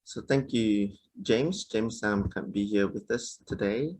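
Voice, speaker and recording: A man's voice: fairly low pitch, a little slow, a little mellow, poor audio. A man moderating an online webinar, hesitant and apologetic, with many ums.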